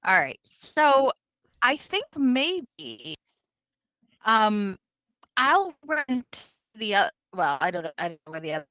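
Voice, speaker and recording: A woman's voice: medium pitch, sing-song, slow, bright, forceful tone, low-quality recording. A woman playing a tabletop game over a video call, her audio choppy and breaking up as she thinks aloud, hesitant. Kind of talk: casual online tabletop play.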